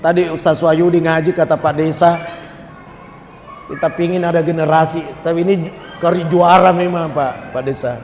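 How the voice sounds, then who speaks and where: A man with an Indonesian accent preaching a lively sermon, moving between quick storytelling and slow chanted recitation. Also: a little high, slight background noise. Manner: animated, switches between fast talk and slow melodic chanting. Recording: echoey hall, long reverb.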